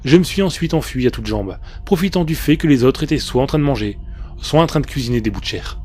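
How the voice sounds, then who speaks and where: Mellow-voiced man narrating a horror story. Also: medium pitch, lively intonation, fast. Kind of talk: scripted first-person creepypasta narration. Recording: faint music bed behind the voice. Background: soft background music.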